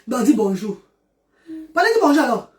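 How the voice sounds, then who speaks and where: With a fairly high, very animated voice at normal speed, a middle-aged Central African woman talks to her live-stream audience. Her manner is warm and sermonizing, and she spurs viewers on through heavy repetition.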